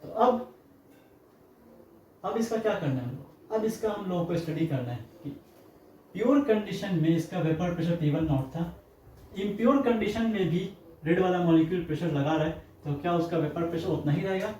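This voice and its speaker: A man gives a chemistry lecture in a warm, slightly raised voice. He works through each point with rhetorical questions and homely examples. The sound is very roomy and distant, with faint noise under it. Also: sits high, normal speed. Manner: explains step by step with rhetorical questions and everyday examples. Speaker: chemistry teacher. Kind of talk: classroom lecture.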